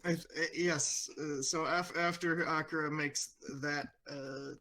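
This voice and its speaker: A man's voice: on the high side, fairly even intonation, measured pace, bright, forceful tone, a little hiss or hum. A man playing a character in a tabletop role-playing game, speaking hesitantly with lots of "uh" and "um". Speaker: player.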